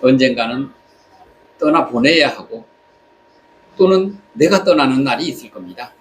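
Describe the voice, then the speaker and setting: A man from South Korea speaking a reflective personal monologue, haltingly, pausing between short phrases. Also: mid-range voice, animated. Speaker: vlogger. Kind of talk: reflective spoken monologue while travelling. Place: on holiday in Southeast Asia. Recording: clear background ambient noise.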